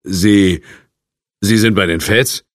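A man's voice: on the low side, fairly even intonation, slow, no echo, clean studio sound, pitched above the performer's own voice. A man voicing a nervous, scruffy middle-aged drifter who hesitates and stammers with fillers, in an audiobook. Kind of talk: audiobook character voice.

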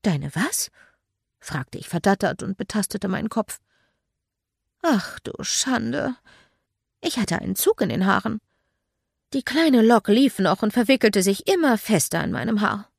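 A woman reading a first-person audiobook in a lively, expressive storytelling manner. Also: medium pitch, normal speed, vocal fry, slightly rough, no echo, studio quality. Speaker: audiobook narrator.

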